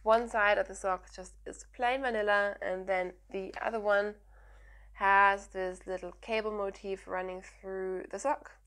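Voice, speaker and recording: A young woman from Germany hosting a knitting podcast, talking casually and energetically with lots of "um"s, her voice croaky from hay fever and sniffles. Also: mid-range voice, a little slow. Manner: chatty and energetic, frequent "um"s. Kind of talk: casual chat to camera.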